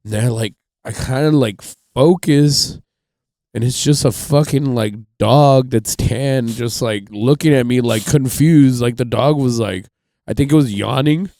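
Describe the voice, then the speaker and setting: A man's voice: mid-range voice, a little slow, warm tone, no room sound, studio quality. A man telling a rambling, profane story on a casual podcast, full of fillers. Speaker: podcast host.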